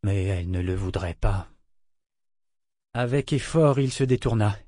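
A man narrating an audiobook in a measured, even storytelling manner. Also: fairly low pitch, no room sound, clean studio sound.

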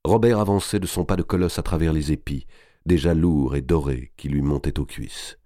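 A man reading a historical novel aloud as audiobook narration, measured and expressive. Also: extremely low pitch, dry recording, studio quality.

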